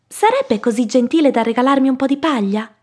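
A woman voicing cheerful young piglets in a children's storybook, high and childlike. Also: big pitch swings, fairly quick, warm tone. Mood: eager.

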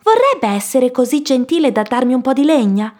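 A woman voicing cheerful young piglets in a children's storybook, high and childlike. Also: very animated, a little fast, darkish tone. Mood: eager.

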